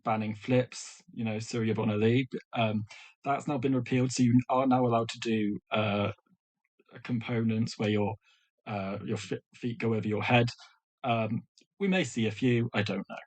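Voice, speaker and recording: Husky-voiced man, measured podcast host. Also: mid-range voice, fairly even intonation. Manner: measured, knowledgeable, hedging. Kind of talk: casual sports podcast chat.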